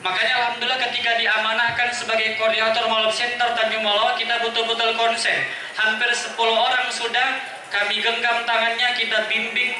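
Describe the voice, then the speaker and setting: A man in his thirties with a Medan accent, preaching an emotional storytelling sermon in a lively, conversational way with playful asides. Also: very high-pitched, brisk, slight background noise. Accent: Medan Indonesian. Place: mosque hall at a religious gathering. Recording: echoey hall from far off.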